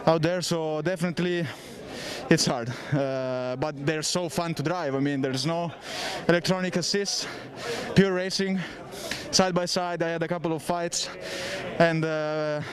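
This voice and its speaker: Man, out of breath, high voice, excited, crowd behind, outdoors. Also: measured pace. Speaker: racing driver. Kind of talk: post-race interview. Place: outdoors at a race track. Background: crowd noise.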